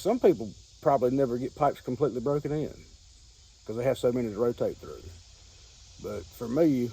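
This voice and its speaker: A man's voice: mid-range voice, mellow, poor audio. A man with a Southern American accent talks casually and off the cuff like a hobby vlogger, in a folksy, rambling way that circles back and repeats itself. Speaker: pipe-smoking hobbyist video host. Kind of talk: casual unscripted vlog talk. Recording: outdoor recording with clear insect noise.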